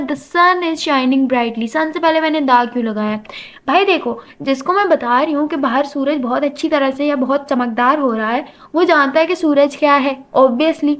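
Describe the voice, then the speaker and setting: A woman teaching a grammar lecture, explaining step by step and mixing English terms into her talk. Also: high-pitched. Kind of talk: classroom lecture.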